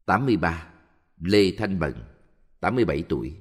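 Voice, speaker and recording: A man reading a Buddhist story and memoir aloud in a steady, even voice. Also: deep voice, fairly quick, slightly rough. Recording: reverberant with faint music.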